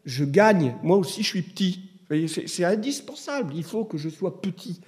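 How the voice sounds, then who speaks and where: Man, middle-aged, pastor, sermon, conversational, slightly high voice, emphatic bursts. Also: animated, normal speed, darkish tone, breathy edge, soft background music. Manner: conversational preaching with personal anecdotes, rising to emphatic bursts.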